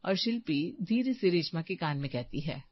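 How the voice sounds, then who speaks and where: A woman's voice: lowish voice, animated, normal speed, lo-fi sound. A woman giving scripted storytelling narration for a cartoon story.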